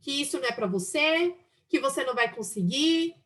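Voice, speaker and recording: A woman teaching a class on a self-help book, acting out inner voices in an expressive, lively way. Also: high voice, normal speed.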